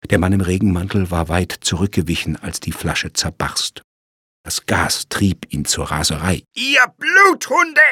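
A man reads a crime story aloud in a lively storytelling manner. His voice is low and very husky, and his pitch moves a lot. The sound is dry and close. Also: no echo. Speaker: narrator. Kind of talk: audiobook narration of a crime story.

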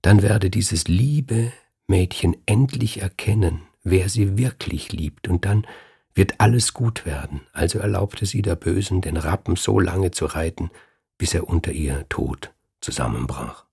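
A man reading a dark fairy tale aloud in a slow, measured storytelling manner. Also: deep voice. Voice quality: gravelly, husky voice. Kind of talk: storytelling narration.

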